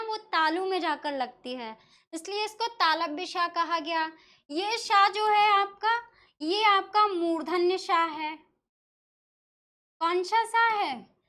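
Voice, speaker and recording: High, bright-voiced woman teaching slowly. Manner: explains step by step, asks questions and answers them herself. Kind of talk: classroom lesson explaining Sanskrit pronunciation.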